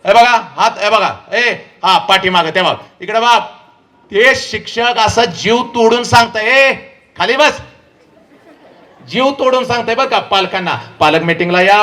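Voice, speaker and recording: A man giving a fiery public lecture to a live audience. He scolds loudly and calls out to the crowd, and his voice climbs to shouts. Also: high-pitched, normal speed. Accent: Marathi. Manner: loud, scolding, rising to shouts, mimics parents and teens. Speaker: motivational speaker.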